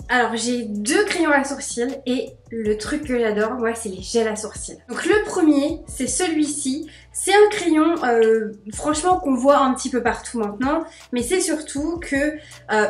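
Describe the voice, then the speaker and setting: A woman's voice: high voice, echoey room. A young woman vlogging in a casual, bubbly, gushing way, chatting straight to camera. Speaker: beauty vlogger.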